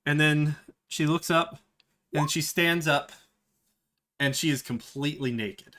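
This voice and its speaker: A man running a tabletop game, describing scenes in a slow, unhurried way. He stumbles through fillers and restarts and laughs at himself now and then. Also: a little high, bright, forceful tone. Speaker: game master.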